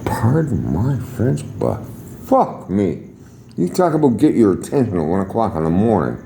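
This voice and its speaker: An older man recounts an old story straight to camera, cursing casually and chuckling as he goes. His voice sits low and mellow. It rises and dips widely as he tells it. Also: moderate pace, vocal fry, a little hiss or hum. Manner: salty, swears freely, chuckles, lively storyteller. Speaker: retired air traffic controller.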